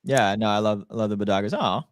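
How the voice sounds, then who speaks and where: Lower-voiced man in casual co-host chat. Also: fast talker, no room sound. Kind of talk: casual chat, brief agreeing interjections.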